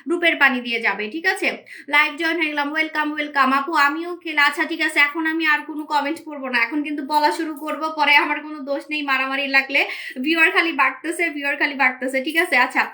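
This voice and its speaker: A woman hosting a live-stream sales pitch for beauty products, hyped and repetitive, answering viewer comments as she goes. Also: fairly even intonation, very fast, bright, forceful tone. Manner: repetitive, hyped, keeps saying "okay". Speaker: online shop host selling beauty products.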